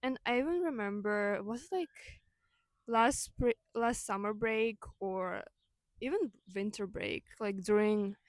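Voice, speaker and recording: A young female vlogger, a native Ukrainian speaker, gives a reflective personal monologue in a conversational way, using fillers and correcting herself. She speaks a little slowly in a mid-range voice, recorded at studio quality with no room sound.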